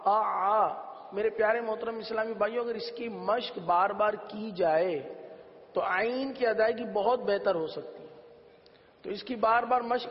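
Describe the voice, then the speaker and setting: A man teaching Quran letter pronunciation on a religious TV lesson, sounding each letter slowly and repeating drills. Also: high voice. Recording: echoey hall, dull lo-fi sound.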